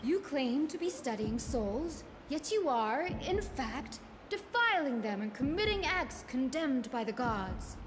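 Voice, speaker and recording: High cheerful young game heroine, animated storyteller, music underneath. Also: female voice, unhurried, few pauses. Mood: explaining. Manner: lively storyteller mimicking quoted critics. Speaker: game character. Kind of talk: game voice acting. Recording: game audio over music, long reverb.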